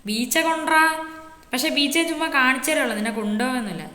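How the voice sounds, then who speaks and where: A woman's voice: high-pitched, quick pace, bright, forceful tone. A woman voicing an easygoing adult man, showing off his city in a game role-play with a boastful, teasing big-brother tone. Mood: casual. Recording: echoey roomy reverb.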